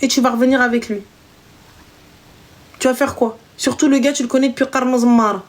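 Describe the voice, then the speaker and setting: High-pitched, animated young woman hosting live. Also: moderate pace. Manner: animated, slangy, teasing, big-sister advice. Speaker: live stream host giving advice. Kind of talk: casual live chat with callers.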